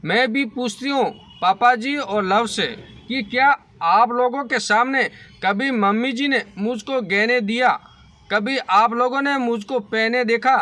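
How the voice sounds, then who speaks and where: A man's voice: extremely high pitch, a little slow, pushed and bright, heavily acted. A man voicing a wronged young bride. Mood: pleading. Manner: pleading, indignant. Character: young married woman, wronged daughter-in-law.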